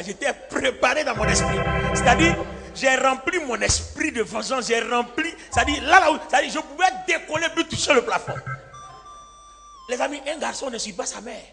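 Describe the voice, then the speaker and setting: Animated high-voiced preacher man. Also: vocal fry. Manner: animated, acts out quoted lines, laughs often. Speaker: pastor. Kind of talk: storytelling sermon. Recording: live hall with long reverb and faint music.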